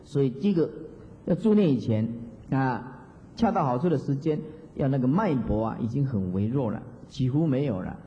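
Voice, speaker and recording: A man's voice: mid-range voice, animated, normal speed, slight background noise. Man giving a chanting dharma talk. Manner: chants and mimics examples, chuckles often. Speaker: Buddhist monastic teacher. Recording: dull lo-fi hall recording.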